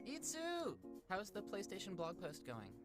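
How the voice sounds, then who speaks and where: A voice actor playing an excitable young indie pop singer in a game trailer, pitching with bubbly energy. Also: a little slow. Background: music.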